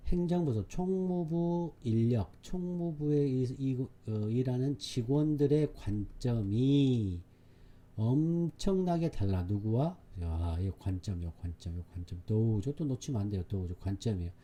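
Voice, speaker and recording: A man's voice: medium pitch, animated, a little slow, mellow. A man teaching an English exam-prep lesson, repeating key words emphatically and often checking that students follow. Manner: repetitive, emphatic, keeps checking understanding with the class. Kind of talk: exam-prep lecture explaining a reading passage.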